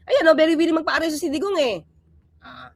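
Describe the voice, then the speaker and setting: A woman's voice: high-pitched, fast, dry recording. A woman hosting a casual political commentary vlog, talking emphatically and animatedly and throwing out rhetorical questions to her viewers. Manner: emphatic, keeps asking rhetorical "di ba?"; animated, swings between loud and quiet.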